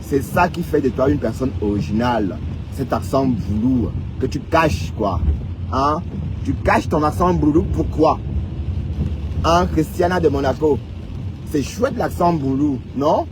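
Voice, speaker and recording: In a casual live stream with background noise, a man from Cameroon teases and mocks his viewers in a Cameroonian French accent. His medium-pitched delivery is animated yet unhurried, and his rants are dotted with "hein".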